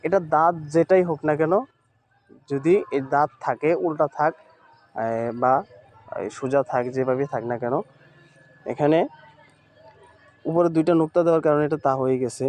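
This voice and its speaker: A man teaching Quran reading in an online lesson, patiently spelling out Arabic letters and repeating words slowly. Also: a little high, a little mellow. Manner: Arabic letter names in Bengali speech.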